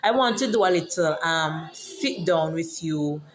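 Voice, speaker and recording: A woman's voice: sits low, animated, unhurried, a crowd in the background. A woman from Jamaica with a Jamaican accent, a teacher and author talking casually to camera and explaining words like a lesson. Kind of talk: casual vlog.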